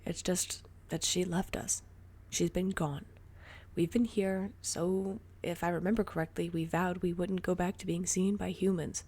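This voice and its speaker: A woman's voice: lowish voice, flat delivery, measured pace, a little mellow, husky. A woman voicing a stiff, distrustful teenage boy borrower who speaks in a clipped, defensive way in a storybook reading. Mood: wary, defensive.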